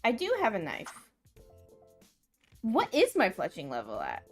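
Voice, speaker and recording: A woman's voice: mid-range voice, huge pitch swings, measured pace, faint music behind. A woman streaming a game, chatting and telling a rambling story with lots of filler words. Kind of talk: casual gaming stream chat.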